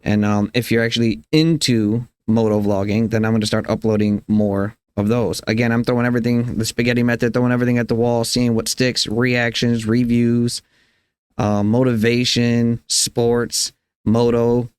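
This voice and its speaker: A man's voice: medium pitch, little pitch movement, normal speed, smooth. Male vlogger, informal, rambling explanation, dry recording without room echo, casual intro voice-over.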